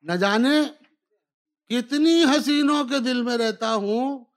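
A man performing humorous verse as a poet at a live recital, declaiming couplets in measured phrases and repeating lines between spoken asides. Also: extremely high pitch. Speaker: humorous Urdu poet performing at a poetry gathering.

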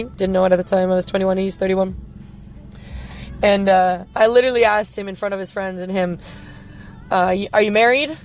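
A woman casually telling a personal story on her podcast, rambling and frank, swearing freely and filling gaps with ums and likes. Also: mid-range voice. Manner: rambling, frank and profane, full of fillers.

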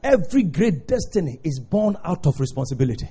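A pastor preaching a sermon, urging and repeating himself, breaking into shouts. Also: male voice, on the high side, very animated, brisk, husky. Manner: exhortative preaching, repeating phrases, bursts of shouting.

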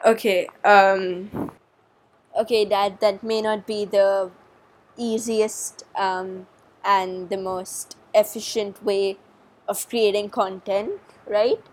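Slow, chatty young woman vlogger. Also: mid-range voice, steady tone. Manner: chatty, playful, jokey. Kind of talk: casual family vlog.

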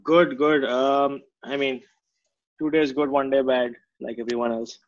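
A man's voice: mid-range voice, level tone, a little slow, no echo. A man with an Indian accent, a coach answering interview questions in casual, blunt, slangy speech. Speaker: martial arts coach, interview guest. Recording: dry but slightly dull audio.

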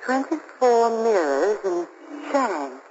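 Wry society lady, radio mystery, teasing and very expressive, old dull recording. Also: mid-range voice, takes it slowly, noisy background. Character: wry, game, sophisticated lady companion to sleuth. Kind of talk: 1940s radio acting.

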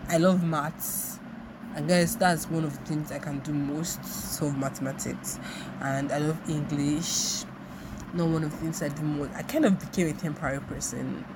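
A young Nigerian woman with a Nigerian accent hosts a solo podcast in a casual monologue, reflecting, rambling, and often saying things twice. She keeps a steady tone and a moderate pace in a low-pitched voice, with noise behind her.

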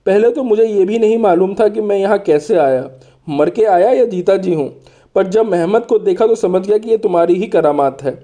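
A man's voice: high voice, normal speed, dark tone, close to an everyday voice. A man voicing a loyal, obliging older court minister in a storybook, frank and earnest. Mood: puzzled, friendly.

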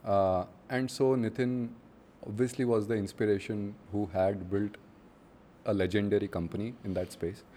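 A man's voice: on the low side, fairly even intonation, moderate pace, warm tone, slight background noise. A man with an Indian accent, a founder answering interview questions in a casual, conversational way. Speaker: startup founder, interview guest.

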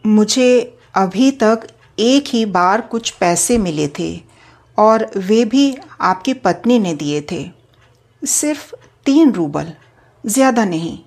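Storybook role: woman reading as a shy tearful young governess, soft and hesitant, slow. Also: mid-range voice, expressive. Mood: meek. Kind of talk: storytelling with acted dialogue.

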